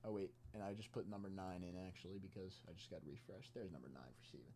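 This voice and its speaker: Low-pitched man hosting a card-break stream. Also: expressive, fast, mellow, a little hiss or hum. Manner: off-the-cuff, chatting with viewers between spot counts. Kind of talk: casual live-stream sales chat, hyping card breaks.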